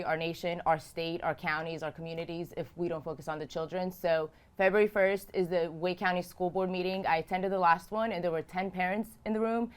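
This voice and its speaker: A woman's voice: fairly low pitch, smooth. A woman in her thirties from Romania, answering interview questions as a political candidate, earnest and emphatic, repeating phrases for emphasis. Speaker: House candidate.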